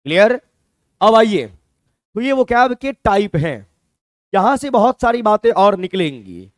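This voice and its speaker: A man's voice: sits high, very animated, measured pace, dry recording, studio quality. A man teaching a vocabulary class with a Hindi accent, explaining step by step and checking in with his students. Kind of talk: classroom lecture.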